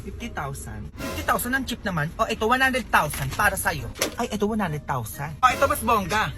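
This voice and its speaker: Woman doing a comedy skit, lively bickery banter, music going under it. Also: medium pitch, a little fast. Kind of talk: comedy skit, playing several roles.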